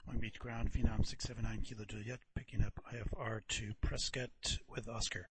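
A man speaking as a pilot, reading a clearance back over aviation radio. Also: lowish voice, level tone, brisk, a crowd in the background.

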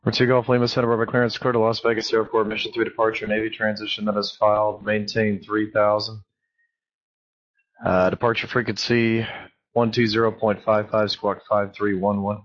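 An air traffic controller with a lowish, fairly flat voice gives clipped standard instructions over aviation radio at a slightly quick pace. The transmission comes through muffled and band-limited.

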